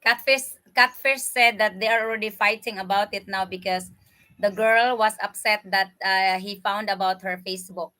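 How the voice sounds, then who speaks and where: A woman's voice: mid-range voice, fairly even intonation, moderate pace, sharp tone. A woman with a Filipino accent, chatting with viewers during a casual livestream as she eats, laughing often. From Philippines. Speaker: livestream host. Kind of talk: casual livestream chat while eating. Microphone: computer webcam mic.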